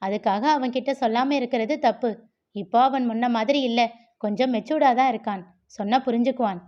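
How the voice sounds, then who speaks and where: A woman voicing a gentle but firm young mother in a read-aloud novel, earnest and persuasive, on a slightly dull recording. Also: on the high side, brisk, close to an everyday voice. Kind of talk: storybook character reading.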